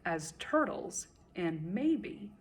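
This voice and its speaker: Her voice lowish and slightly rough, a female storyteller performs a children's story in verse with deliberate, dramatic, expressive delivery.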